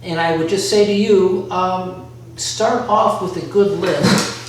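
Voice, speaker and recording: A DIY vlogger gives a casual instructional walk-through in a bare, concrete-floored workshop room next to a garage, rambling a bit as he thinks aloud. His voice sits high with fairly even intonation, and he takes it slowly. The room is very echoey, the mic is distant, and there's faint noise.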